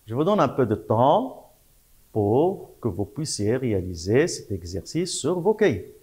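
A man teaching a French lesson to young primary pupils, repeating words and spelling out syllables slowly while praising the class. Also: mid-range voice, very animated, a little mellow. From Morocco. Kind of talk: slow, patient French lesson for young children.

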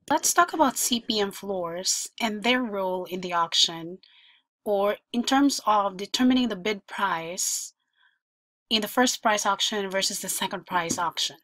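Female tutorial presenter, mid-pitched, methodical step-by-step explainer, dry close-miked voice-over. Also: a bit bright, no echo. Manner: explanatory, walks through examples step by step. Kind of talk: screen-share tutorial voice-over.

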